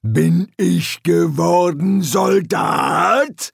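A man doing a slow rumbling troll recruit. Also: creaky, breathy edge, dry recording, studio quality, heavily acted. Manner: slow rumbling grumble, scrambled word order. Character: huge slow-witted male troll recruit.

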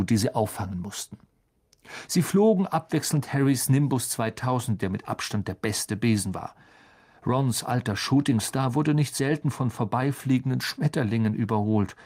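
A man narrating a storybook with an animated, swinging delivery and a slightly husky tone. His pitch sits in the middle range for a man. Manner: lively, expressive storytelling. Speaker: audiobook reader. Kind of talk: scripted narration.

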